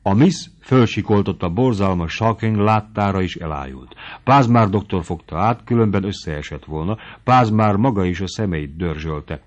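Brief: male audiobook reader, measured and steady, lowish voice, muffled lo-fi recording. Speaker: audiobook narrator. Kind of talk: scripted narration of a classic novel. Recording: dull lo-fi audio.

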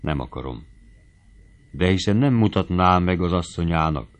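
A man doing a coaxing young gentleman suitor. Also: sits low, animated. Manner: soft, coaxing murmur.

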